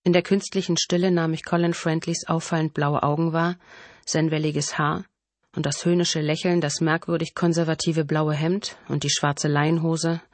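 A woman reading a first-person thriller audiobook in a measured, suspenseful way on a close studio mic. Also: low voice, little pitch movement, no echo. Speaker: audiobook narrator.

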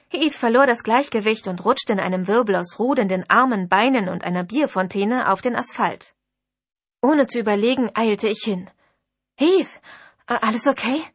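Female audiobook narrator, husky and intimate, first-person novel, dry booth sound. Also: medium pitch, no room sound.

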